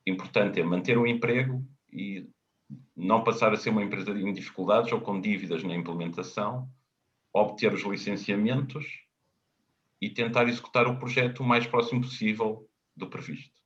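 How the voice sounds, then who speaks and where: A man with a European Portuguese accent, a consultant answering webinar questions in a halting, explanatory way, often repeating words. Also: fairly low pitch, fairly even intonation. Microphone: video call. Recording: dull lo-fi webinar audio.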